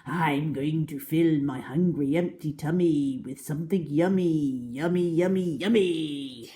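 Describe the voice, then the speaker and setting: A woman's voice: low-pitched, dark tone. Woman voicing a huge boastful greedy storybook crocodile. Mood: scheming relish. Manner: boastful, relishing, drawn-out words. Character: enormous greedy boastful male crocodile, scheming child-eater. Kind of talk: storybook character reading.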